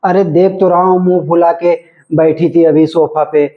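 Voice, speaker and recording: A man with a fairly high voice scolds and lectures as a husband in a scripted family comedy skit. His voice comes through dull lo-fi home video sound. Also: flat delivery, moderate pace.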